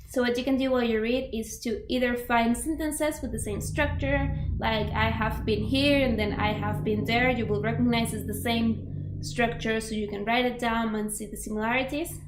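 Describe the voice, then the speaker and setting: With a steady, fairly high voice at a moderate pace, a young native Spanish speaker gives relaxed tips on learning languages, heavy on fillers and examples. Her Spanish accent comes through in an echoey room with background noise.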